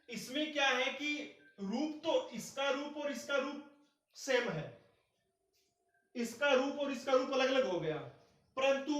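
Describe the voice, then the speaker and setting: A high-pitched male teacher explains grammar. He asks questions and answers them himself, and drills each point. His voice booms around a very echoey room, heard from some distance from the mic. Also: fairly bright tone. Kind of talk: classroom-style grammar lesson.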